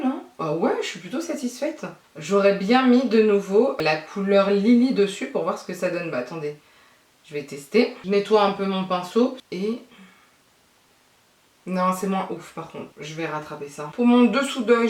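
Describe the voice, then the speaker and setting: Young woman, beauty vlogger, casual tutorial chat, lots of fillers, mid-pitched voice, roomy echo. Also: distant mic. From France. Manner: chatty, thinking aloud with many fillers. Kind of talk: casual makeup tutorial talk. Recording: echoey room.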